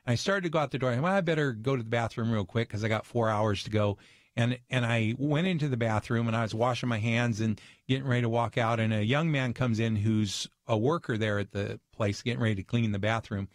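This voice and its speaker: A man guest on a radio talk show, telling a story in an earnest, animated way. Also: mid-range voice, a little fast, dry recording, clean studio sound. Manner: earnest, animated, acts out voices in his stories.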